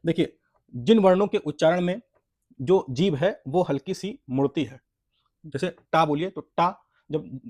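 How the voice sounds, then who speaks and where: A man gives an exam-prep lesson in a slightly high voice, sounding out syllables one at a time. He keeps asking his own questions and answering them. The recording is dry and close. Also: dry recording. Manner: repeats points, asks and answers own questions, says "friends" often; spells out syllables slowly for practice. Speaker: teacher.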